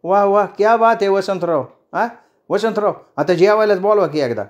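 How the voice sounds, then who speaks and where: A man voicing a sharp-tongued middle-aged woman friend in a storybook reading, with a teasing, scolding manner. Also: high-pitched, moderate pace, pitched above the performer's own voice, natural voice.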